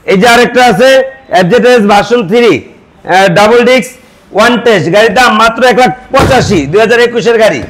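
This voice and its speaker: A man with a Bangladeshi Bengali accent giving a used motorbike sales pitch, reeling off features and prices item by item. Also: a little fast, a bit bright, low-quality recording.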